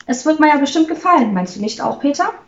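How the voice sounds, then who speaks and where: Woman doing a shrill, manic axe-swinging wife. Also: fast. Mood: chirpy. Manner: shrill, excitable and mocking. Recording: slightly distant, muffled recording.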